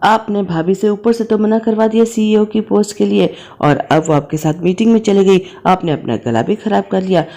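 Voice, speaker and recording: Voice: mid-range voice, moderate pace, few pauses, dark tone, pitched above the performer's own voice, natural voice. A narrator voicing a sarcastic younger brother, a young man.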